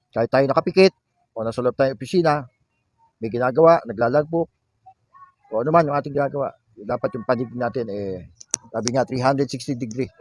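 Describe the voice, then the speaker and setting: A man's voice: mid-range voice, a little mellow, dry recording. A man giving a classroom lecture, reading definitions aloud and explaining them with a frequent questioning "no?". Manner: explanatory, frequent tag "no?", reads English definitions then explains. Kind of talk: classroom lecture mixing Tagalog and English.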